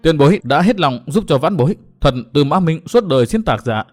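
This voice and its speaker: A man's voice: on the high side, expressive, fairly quick, faint music behind. Guy playing an icy young swordsman, short and formal with everyone. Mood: cold. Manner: cold, terse, formal. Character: proud, cold young male swordsman.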